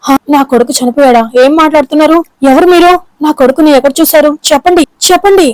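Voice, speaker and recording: Woman reading out a panicked mom, high and pleading, fast, dry close sound. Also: flat delivery, no echo, lightly acted, rough recording. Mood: frantic. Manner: frantic pleading, higher and louder. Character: grief-stricken mother fearing her son dead.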